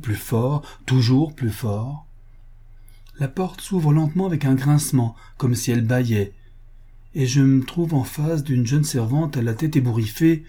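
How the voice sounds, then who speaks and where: A man reading a literary tale aloud as narrator, measured and expressive. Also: medium pitch, breathy edge. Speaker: audiobook reader.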